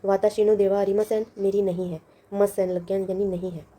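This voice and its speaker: Woman teacher, very dark mellow tone, patient step-by-step explainer, repeats words with meanings. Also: medium pitch, flat delivery, moderate pace. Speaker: language teacher. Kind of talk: lesson walkthrough.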